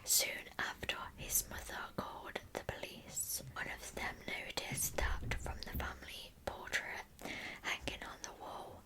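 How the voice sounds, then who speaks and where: A woman whispers a true crime tale for ASMR, her voice unvoiced and breathy, held close to the microphone as she paces the story with deliberate slowness. The recording is rough.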